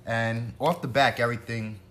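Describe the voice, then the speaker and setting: A man's voice: mid-range voice, steady tone, moderate pace, a bit bright, slight background noise. A young adult man co-hosting a casual food vlog, easygoing and hesitant, with many ums. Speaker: co-host.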